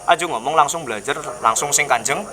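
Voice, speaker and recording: A man's voice: on the high side, fast talker, bright, forceful tone. A man with a Javanese accent preaching at an evening religious study gathering, joking with the audience and mixing in local dialect before leading a chanted Arabic prayer. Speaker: Islamic preacher.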